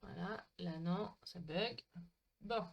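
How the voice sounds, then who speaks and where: A woman's voice: lowish voice, slow pace, creaky, muffled recording. A woman hosting a live crafting stream from home, chatting to viewers by name as she works and laughing at her own slips. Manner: chatty, talks to viewers by name, self-mocking. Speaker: crafting livestream host. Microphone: desk mic.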